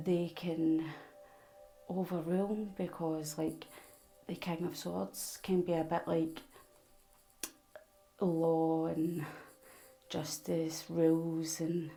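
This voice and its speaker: Glaswegian woman with a low, gravelly voice. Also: dark tone, low-quality recording. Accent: Glaswegian Scottish. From Glasgow, Scotland. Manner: rambling, intuitive, speaks straight to the viewer. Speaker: tarot reader. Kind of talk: casual tarot reading to camera.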